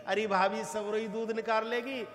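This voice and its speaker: A man playing a mischievous divine cowherd boy, coaxing slowly in speech. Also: sits high, level tone, a bit bright, big-room sound.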